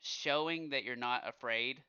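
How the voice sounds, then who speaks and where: A man co-hosting a podcast in casual chat, encouraging and quick to give shout-outs. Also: medium pitch, clean tone. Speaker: podcast co-host. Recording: dull lo-fi sound.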